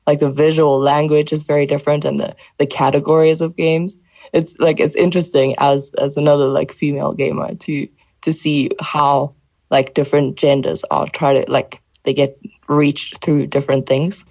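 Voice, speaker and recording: A woman's voice: low voice, flat delivery, normal speed, darkish tone, rough recording. A woman from South Africa co-hosting a podcast, speaking thoughtfully and hesitantly. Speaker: podcast co-host. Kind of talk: casual chat.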